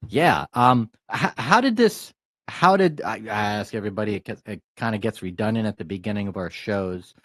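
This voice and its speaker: A man hosting an interview, talking casually in a halting way with many restarts. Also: fairly low pitch, animated, fairly bright tone, no room sound, studio quality. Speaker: host.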